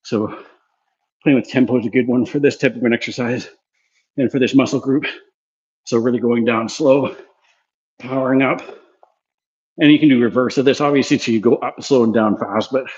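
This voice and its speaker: A man's voice: mid-range voice, fairly even intonation, fairly quick, long pauses, a little mellow, dull audio. Winded man talking through a workout. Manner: chatty and loose, talking between sets. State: winded from exercising. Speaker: physiotherapy clinic presenter demonstrating a workout. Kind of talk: casual workout demonstration vlog. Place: gym.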